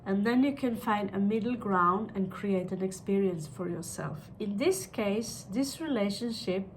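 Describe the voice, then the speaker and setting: A woman giving an unscripted tarot reading like a fortune teller, pronouncing on what the cards show in halting short phrases. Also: mid-range voice, slight background noise, poor audio. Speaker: tarot card reader.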